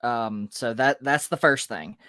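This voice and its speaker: A man's voice: medium pitch, measured pace, sharp tone, no room sound, studio quality. A man co-hosting a casual sports podcast, explaining news step by step with frequent ums. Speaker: podcast co-host.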